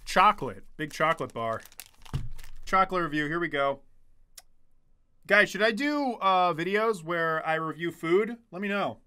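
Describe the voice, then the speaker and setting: The voice belongs to a man in his twenties who streams from a small, dim room, speaking right into a desk microphone as he casually jokes, curses, and responds to chat. It sits slightly high, smooth yet sharp in tone, expressive, and measured, with frequent pauses.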